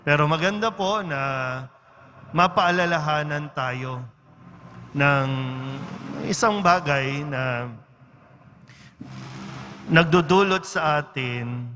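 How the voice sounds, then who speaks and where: A male priest reading the gospel and giving a homily in a large church, measured and conversational, often adding little tag questions. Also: on the high side, expressive, bright, forceful tone, a little hiss or hum. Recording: reverberant church with faint music.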